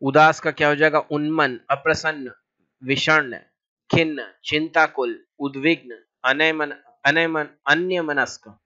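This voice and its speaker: A man teaching as a language teacher, reciting lists of synonyms in a steady, drilling way with short asides. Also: a little high, a little slow, dull audio. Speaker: Hindi teacher.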